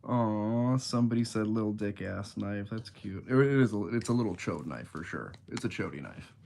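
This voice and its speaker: A young man on a livestream from his room chats casually, rambling, joking and getting easily sidetracked. A cold has left him congested, so his fairly low, gravelly, darkish voice sounds nasal and stuffy. He speaks at a normal pace with an animated delivery.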